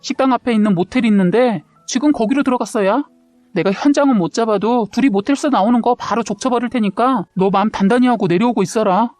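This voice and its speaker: A woman's voice: fairly high pitch, quick pace, a little mellow, no room sound, soft background music, close to an everyday voice. A woman voicing the narrator's fiery, outspoken friend in a read-aloud story, talking bluntly and combatively. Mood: angry.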